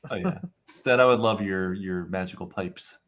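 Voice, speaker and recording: A man's voice: sits low, normal speed, fairly bright tone, slight background noise. A man co-hosting a casual livestream who jokes and teases his friends. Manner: joking, teasing, wry. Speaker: podcast co-host.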